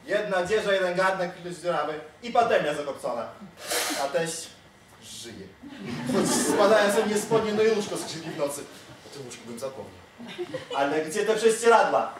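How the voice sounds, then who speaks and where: Man plays quarrelsome peasant husband, complaining, high voice; far, echoey stage. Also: lively intonation, moderate pace, noisy background. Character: grumbling peasant gardener, cheated husband. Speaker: student actor. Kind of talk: stage comedy acting.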